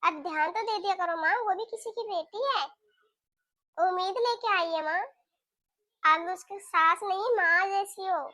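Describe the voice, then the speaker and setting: A woman's voice: very high-pitched, measured pace, pauses often, pushed and bright, no echo, clean studio sound, exaggerated voice. A woman voicing a caring young married daughter in a cartoon, talking in an earnest, pleading way. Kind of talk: cartoon voice acting.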